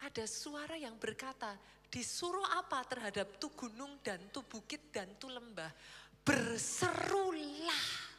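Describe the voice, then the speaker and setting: A woman pastor preaching a lively sermon in a church, acting out quoted voices as she goes. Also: on the high side, moderate pace, in a large hall, slight background noise. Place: church hall.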